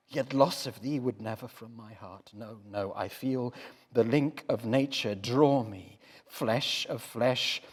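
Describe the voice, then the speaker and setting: A man voicing Adam, the first man, devoted and torn, in an impassioned dramatic verse reading that swings from hushed to loud. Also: mid-range voice. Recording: long hall reverb.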